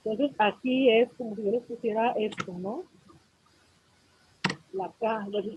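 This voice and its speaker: A woman's voice: fairly high pitch, measured pace, highs cut off, slight background noise. A woman teacher with a Mexican accent, lecturing a class and often checking that her students follow. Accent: Mexican Spanish. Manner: explanatory, asks students frequent check-in questions.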